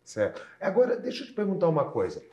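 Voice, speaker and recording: A man's voice: fairly high pitch, huge pitch swings, fast talker, dark tone, dull audio. Rambling male host, echoey room. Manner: rambling, restarts questions. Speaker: podcast host. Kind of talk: casual interview.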